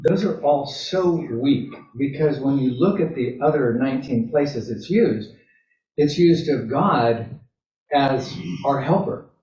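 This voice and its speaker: A male pastor preaching a sermon in a relaxed, conversational way, drifting into asides and correcting himself as he goes. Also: mid-range voice. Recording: roomy, distant, dull church PA recording.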